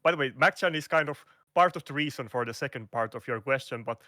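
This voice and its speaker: Bright and forceful, this man's mid-range voice moves at a quick pace as he, a guest content creator with a Finnish accent, chats in a casual interview over a call. He hesitates, searches for words, restarts often, and uses fillers and non-native phrasing. The close, dry recording has no room around it.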